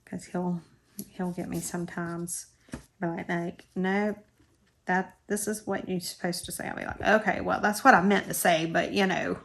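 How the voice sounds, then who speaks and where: With fairly low pitch, vocal fry, and a fairly bright tone, she talks in a level way at a moderate pace. She's a middle-aged woman from Florida with a South Georgia drawl, a crafting channel host who rambles, jokes at her own expense, and keeps crafting at her table throughout this casual chat.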